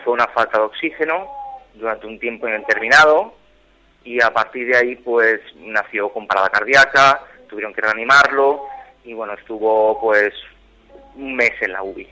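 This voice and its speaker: A man in his thirties with a Spanish accent from Barcelona speaks earnestly as a radio caller. His voice is bright and forward, and he stops and restarts often as he finds his words. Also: fairly low pitch, moderate pace, poor audio. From Spain. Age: 30s. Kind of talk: phone-in interview.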